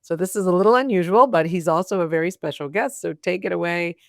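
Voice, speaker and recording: A woman's voice: on the low side, fast talker, vocal fry, no echo. Give me a woman podcast host making casual, joking chat, recorded dry. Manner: chatty, joking asides.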